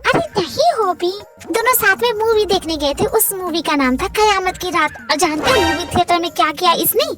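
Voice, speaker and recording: A woman's voice: very high-pitched, normal speed, over music. A woman doing a sassy, bubbly young wife. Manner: sassy, chatty.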